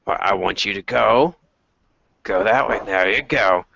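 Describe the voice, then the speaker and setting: A man voicing a bossy, excitable male goblin leader who barks hurried orders at his gang in a tabletop game. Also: fairly low pitch, vocal fry, a little hiss or hum, heavily acted. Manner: shouty, hurried barking of orders. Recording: dull dry lo-fi recording.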